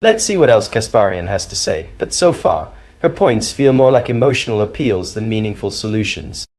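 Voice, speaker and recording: A man's voice: fairly low pitch, expressive, moderate pace, a little mellow, a little hiss or hum. Opinionated man reading scripted commentary. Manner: opinionated, declamatory. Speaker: commentary narrator.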